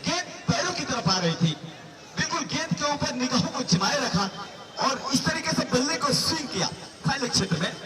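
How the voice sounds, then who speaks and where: High-pitched man, excited echoey cricket commentary. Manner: animated, flowery, drawn-out play-by-play calls. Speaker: cricket match commentator and announcer. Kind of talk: excited cricket commentary over a public address. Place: outdoor cricket ground. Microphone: public address microphone. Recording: echoey PA, distant, noisy outdoor crowd.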